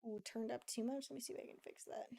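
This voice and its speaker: A woman streaming a card game, chatting casually, reading viewer comments aloud, thinking out loud and laughing often. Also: fairly high pitch, fairly even intonation, fast talker, creaky. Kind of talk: casual live-stream chat while playing a card game.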